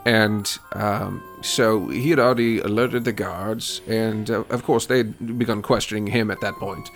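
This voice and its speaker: A man playing a courteous, evasive elf noble in a tabletop game, speaking in a halting, hesitant way. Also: on the low side, steady tone, gravelly, soft background music. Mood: uneasy. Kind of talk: tabletop role-play character voice.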